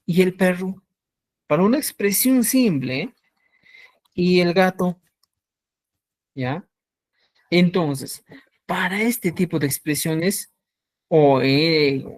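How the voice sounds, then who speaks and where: A woman's voice: low voice, no echo. A woman teaching a live online language class, explaining step by step, checking in often and stretching out key words for emphasis.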